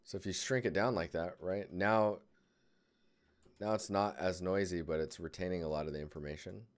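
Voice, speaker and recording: A man's voice: low-pitched, fairly even intonation, normal speed. A man giving casual, rambling live critiques of digital art, thinking aloud as he clicks through images. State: yawning, tired.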